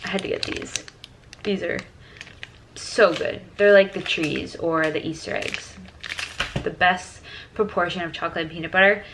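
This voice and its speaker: A chatty young woman talks casually to camera from home, her voice sitting a bit low. She is early in pregnancy and fills her talk with "like" and "freaking". There is faint noise behind her. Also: fairly even intonation, normal speed, long pauses, fairly bright tone, poor audio. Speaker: vlogger.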